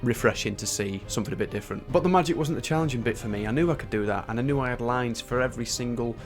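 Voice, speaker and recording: English guy telling his story to viewers, talks quick, blunt and self-mocking, bit of music under it. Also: medium pitch. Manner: candid, colloquial, self-deprecating. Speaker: stand-up comedian and former magician. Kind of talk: conversational video narration about own career. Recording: music playing behind the voice. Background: background music.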